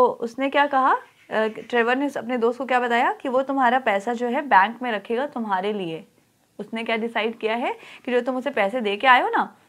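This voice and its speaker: Lady teacher going through a story, reads slow then explains, voice a bit high. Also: fairly bright tone. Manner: reads English lines slowly, then explains in Hindi. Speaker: English teacher.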